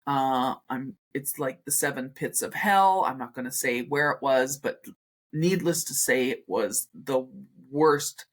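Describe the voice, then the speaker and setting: A woman's voice: a bass voice, measured pace, breathy edge. A woman hosting a cooking channel, ranting to camera in a chatty, emphatic way with rambling asides. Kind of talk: casual rant to camera.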